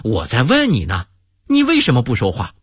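A man voicing a baffled, demanding American hotel guest who fires off rapid, indignant questions. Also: medium pitch, huge pitch swings, breathy edge, dry recording, studio quality.

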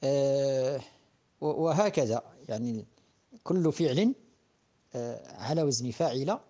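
A man's voice: medium pitch, animated, mellow. Patient Moroccan man teaching grammar. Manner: patient, repeats forms slowly with frequent drawn-out fillers. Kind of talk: classroom-style lesson.

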